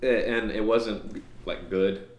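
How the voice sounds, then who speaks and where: A fairly low-voiced young man from Houston rambles easily through podcast chat, laughing often. His voice rings in an echoey room. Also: fairly even intonation, slow. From Houston, Texas. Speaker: podcast co-host.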